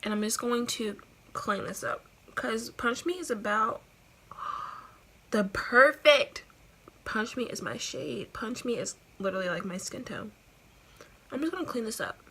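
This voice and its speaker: A woman's voice: a little high, lively intonation, moderate pace, vocal fry, fairly bright tone, slightly rough. A woman talking like a giggly, rambling drunk as she gives a casual makeup tutorial, often repeating herself. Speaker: beauty vlogger.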